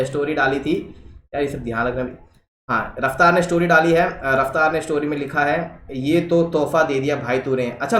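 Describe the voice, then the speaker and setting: A man hosts a casual reaction video, reading social media posts aloud and commenting on each one. He mixes English phrases into his talk. His voice sits a little high, and the room around him is echoey. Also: fairly bright tone.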